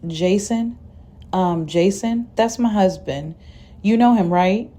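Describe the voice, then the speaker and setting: A woman voicing a calm, sarcastic wronged wife. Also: mid-range voice, slow. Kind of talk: storytelling read-aloud.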